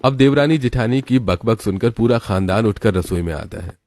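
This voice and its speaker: A man's voice: on the low side, lively intonation, normal speed, a little mellow, soft background music. A man giving scripted storytelling narration for a cartoon.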